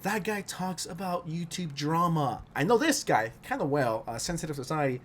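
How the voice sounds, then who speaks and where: A man with a slightly high voice gives casual commentary as an online video host. He talks conversationally, as if to friends, and is blunt and opinionated. His wording is slangy and full of swearing. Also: animated, moderate pace, fairly bright tone, a little hiss or hum. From outside the United States.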